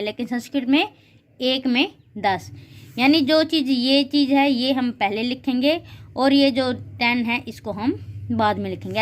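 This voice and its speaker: Patient lady teacher, highish voice, talks to kids like beta ji, slow careful drilling. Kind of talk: classroom lesson for children.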